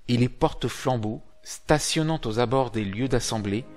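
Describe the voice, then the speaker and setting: A man's voice: mid-range voice, moderate pace, darkish tone, faint music behind. A man narrates a script in a formal, literary reading manner.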